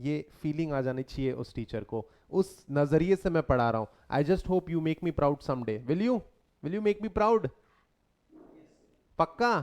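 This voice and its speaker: A male teacher gives a slow, deliberate lecture. His voice sits a little high for a man, and he keeps turning to his students with questions. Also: animated, darkish tone. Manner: conversational, quizzes students with questions. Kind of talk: lecture mixing Hindi and English.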